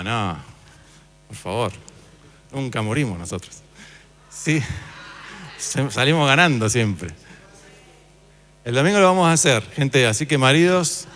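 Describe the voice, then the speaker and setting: A man's voice: medium pitch, a bit bright, a little hiss or hum. A man giving an informal Bible class, talking casually and quizzing his listeners. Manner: conversational, asks the audience questions. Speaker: church teacher. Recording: reverberant hall.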